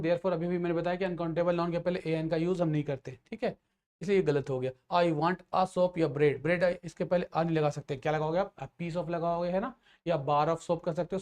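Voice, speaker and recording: A man's voice: fairly high pitch, a little mellow. A man teaching English grammar to exam students in Hindi, explaining patiently, mixing in English phrases and often checking that students follow. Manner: explains patiently, repeats checks like "theek hai".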